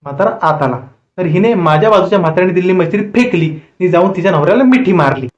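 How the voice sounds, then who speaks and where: A young man telling a comic story in a lively, exasperated way. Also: high voice, quick pace, muffled recording. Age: young adult. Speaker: comedian storyteller. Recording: roomy echo.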